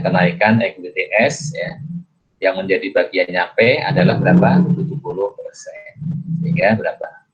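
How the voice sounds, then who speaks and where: A low-voiced accounting lecturer works through a worksheet in an explanatory screen lecture, halting and thinking aloud with questions. He keeps tacking on "ya" as a check-in tag, and the lo-fi recording sounds dull and muffled.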